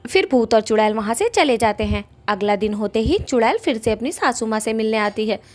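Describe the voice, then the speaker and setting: Lively woman narrating a cartoon story. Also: on the high side, a little fast.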